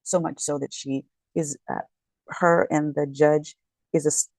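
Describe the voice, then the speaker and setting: A tired-sounding woman, a real estate agent and legal commentator, discusses a court case casually at home late at night, her worn voice rambling while she corrects herself and apologizes. She speaks in a low, steady, darkish voice at a measured pace, with no echo.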